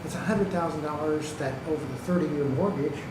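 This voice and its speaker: A man with a fairly high voice speaks fairly quickly during public comment at a county meeting, pushing his points hard and checking in with "okay" and "right." He's in a county government meeting room, and the recording has an echoey hall sound with background noise.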